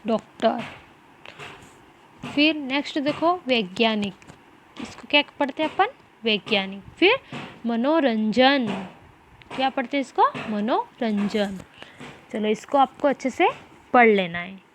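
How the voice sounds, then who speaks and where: A woman teaching a primary school class, reading words slowly syllable by syllable and asking the children questions. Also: on the high side, animated, slight background noise. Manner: slow, syllable-by-syllable reading drills with repeated questions. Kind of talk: online class lesson.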